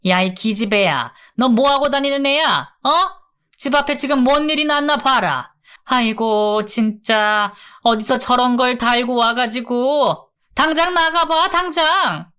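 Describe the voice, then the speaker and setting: A woman voicing a scolding middle-aged mother in a radio drama story, high and shrill. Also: a little slow, a bit bright, smooth. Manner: shrill, nagging.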